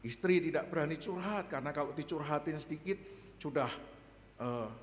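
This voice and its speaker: Male pastor, higher voice, lively storytelling sermon with frequent chuckles, church hall reverb. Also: moderate pace. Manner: animated, chuckles often, addresses the congregation directly. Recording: echoey hall, faint background noise.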